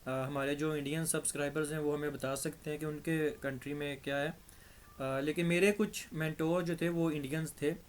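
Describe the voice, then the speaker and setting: Pakistani male tutor, slightly raised pitch, slow patient explaining, dryish throat. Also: a little hiss or hum. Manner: patient, step-by-step explaining, repeats examples. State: dry throat. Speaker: English teacher. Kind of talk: grammar lesson.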